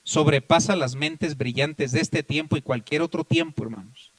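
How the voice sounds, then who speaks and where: A Mexican pastor with a fairly high voice preaches a Bible study in a dry, close recording. He keeps calling his listeners brothers, rising to loud, forceful readings and then dropping into hushed asides. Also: normal speed, no room sound. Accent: Mexican Spanish.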